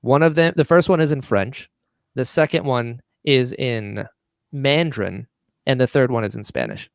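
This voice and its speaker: Clean studio sound with no echo carries this man's medium-pitched, animated voice, delivered at normal speed with some vocal fry. He's an audio drama writer and producer guesting on a podcast, telling animated stories in a casual, enthusiastic chat about producing and frequently reenacting old conversations.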